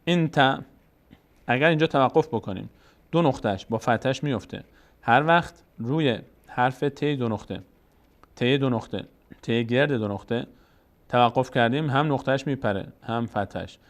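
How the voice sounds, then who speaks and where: A man teaching Quran reading, explaining the rules patiently and slowly sounding out each syllable. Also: medium pitch. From Tajikistan. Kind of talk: step-by-step recitation lesson.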